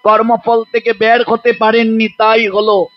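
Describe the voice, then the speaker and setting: A man giving a devotional sermon, telling a scripture story slowly and emphatically and acting out the quoted speech. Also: sits high, completely flat delivery, highs cut off. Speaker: preacher.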